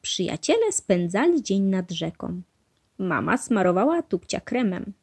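A woman reading a children's story aloud. She speaks clearly in a measured, slow rhythm at a middle pitch. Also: very animated, darkish tone. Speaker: storybook reader.

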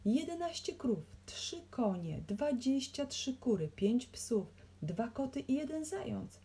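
A woman's voice: fairly high pitch, big pitch swings, slow, slight background noise, voice pushed up, heavily acted. A woman voicing a bellowing, frantic businessman. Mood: frantic shouting. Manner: shouting out words in bursts. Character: gloomy businessman, bellowing animal names.

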